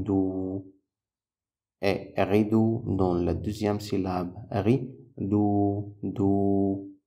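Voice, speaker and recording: A man's voice: low-pitched, vocal fry, mellow. A man teaching a phonics lesson to young children, patiently sounding out and repeating syllables and words. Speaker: primary school teacher.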